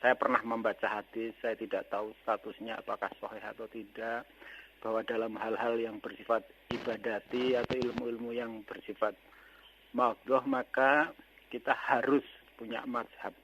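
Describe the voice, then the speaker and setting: A man's voice: medium pitch, flat delivery, normal speed, a bit bright. A man calling in to a radio show who asks a religious question with courteous, hesitant and formal phrasing. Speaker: caller. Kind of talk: phone-in question. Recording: dull lo-fi phone line with faint noise.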